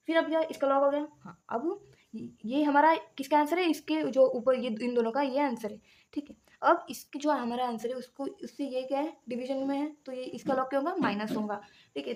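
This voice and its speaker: A woman teaching chemistry, working through a numerical problem step by step and asking the class questions, with fillers and self-corrections. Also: sits high.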